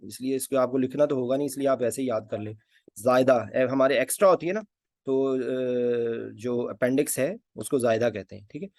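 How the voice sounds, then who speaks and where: A man's voice: medium pitch, darkish tone, no echo, clean studio sound. A man giving an informal spoken lesson. He hesitates often, uses many fillers, and repeats key words. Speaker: anesthesia teacher.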